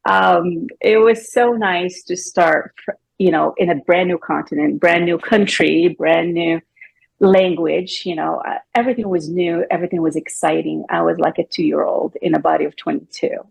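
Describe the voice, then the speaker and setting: In this low-quality recording, a middle-aged woman from Morocco talks casually in an interview as a guest coach, with fillers and restarts along the way. Her Moroccan-accented voice is fairly low, husky and creaky, with fairly even intonation and normal speed.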